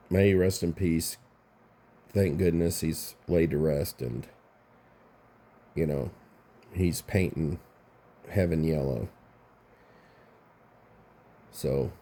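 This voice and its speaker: A man with a low, warm voice hosts a casual YouTube commentary vlog. He sounds congested and rambles, frequently restarting his phrases.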